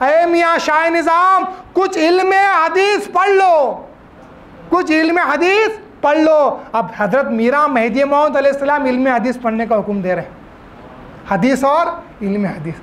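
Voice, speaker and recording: High, bright-voiced man preaching emphatically. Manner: emphatic, repeats phrases, asks rhetorical questions. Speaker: religious speaker. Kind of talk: religious lecture.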